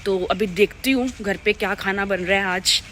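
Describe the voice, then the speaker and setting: Chatty young woman with a bright voice. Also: medium pitch, a little hiss or hum. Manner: chatty, addresses viewers as "guys" constantly; fast-talking. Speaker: vlogger. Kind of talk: casual vlog chat to camera. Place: at home and outside in the street.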